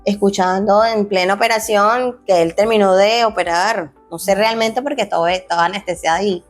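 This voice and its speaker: A woman's voice: mid-range voice, steady tone, moderate pace, faint music behind. A young adult woman, a former athlete turned fitness coach, earnestly tells her life story in an interview, often restarting phrases and acting out quoted dialogue. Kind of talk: emotional personal storytelling.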